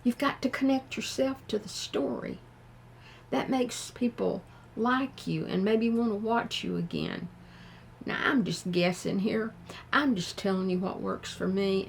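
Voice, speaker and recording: Slow-talking older Southern woman, gravelly. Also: mid-range voice, a little hiss or hum. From American South. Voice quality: slow and thoughtful. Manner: frank, plain-spoken. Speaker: vlogger. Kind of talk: casual advice talk to camera.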